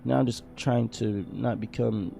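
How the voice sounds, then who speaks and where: Give me a man reading a bitter, resentful musician with a rough, gravelly voice. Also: mid-range voice, fairly even intonation, unhurried, dark tone, faint music behind. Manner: grumbling, resentful. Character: bitter angry male musician, fed up with everyone.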